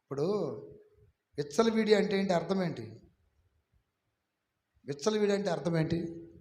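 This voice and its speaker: A man preaching a sermon as pastor, calling on the congregation to repeat his words back loudly. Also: sits high, normal speed. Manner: preaching with call-and-response, urging the congregation to repeat. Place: church hall. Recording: echoey hall, some of it from far off.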